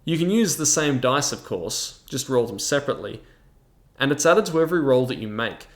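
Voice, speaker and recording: An expressive host of a tabletop game review channel explains things in a measured way, his pitch mid-range. His semi-scripted narration goes into a large microphone in front of him, and the reverberant room gives it a clear echo.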